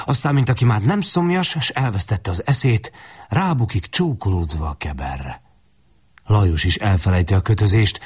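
A male narrator reading a story aloud with a husky, fairly low voice. His delivery is expressive and lively in pitch, now rising with action, now dropping to a hush. Dramatic audiobook style. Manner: expressive, dropping to hushed tones in intimate passages.

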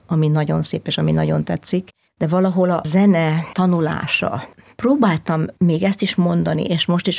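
A woman's voice: low voice, gravelly, a little mellow. An older woman, an opera singer, speaking earnestly and thinking aloud about her art. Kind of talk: conversational interview.

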